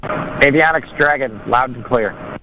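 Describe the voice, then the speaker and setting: Astronaut on a helmet intercom: a man, terse procedural calls, sharp tone, faint hiss. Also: medium pitch, slow pace, rough recording. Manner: clipped, procedural call-and-response. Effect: helmet headset intercom over a comm loop. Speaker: astronaut crew member in the capsule. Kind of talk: terse radio comm check.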